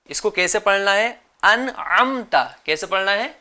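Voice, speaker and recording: A man teaching children Quran recitation, chanting verses slowly and patiently asking them to repeat. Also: high voice, bright, forceful tone, clear, resonant tone. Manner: patient, drawn-out recitation with call-and-repeat questions.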